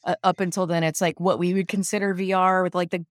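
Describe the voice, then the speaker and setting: A woman's voice: fairly low pitch, quick pace, no room sound, studio quality. A woman from the South, co-hosting a casual TV recap and arguing her points emphatically. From American South. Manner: animated, emphatic, opinionated. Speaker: podcast co-host.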